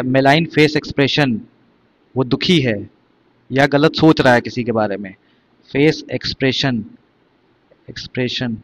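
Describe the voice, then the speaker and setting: Male teacher, mid-pitched, explains terms step by step and quizzes students. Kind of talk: exam vocabulary lesson.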